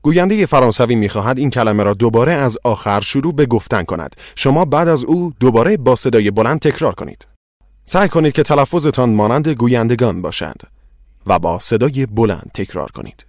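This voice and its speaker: A man narrating a language course in slow, measured scripted instructions. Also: mid-range voice, animated, no echo, clean studio sound.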